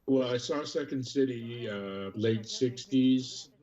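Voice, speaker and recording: A man's voice: mid-range voice, slow, dark tone, dull audio. A man in his seventies from Chicago's South Side, an actor telling an easygoing story as a quiz contestant and chuckling at himself. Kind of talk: casual anecdote on a quiz show.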